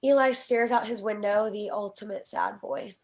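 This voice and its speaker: A woman reading a screenplay's stage directions and scene headings aloud at a table read, brisk and even. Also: medium pitch.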